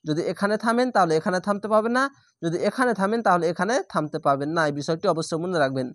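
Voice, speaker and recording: A man teaching Quran reading step by step, patiently repeating each rule and slowly drawing out sample syllables. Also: high voice, fairly bright tone, no room sound, studio quality.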